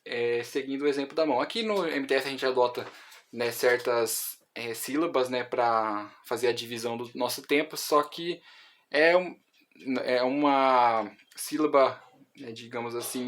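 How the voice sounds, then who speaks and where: A man's voice: medium pitch, a bit bright. A man with a Brazilian Portuguese accent, explaining music theory in an online lesson, with many fillers and restarts.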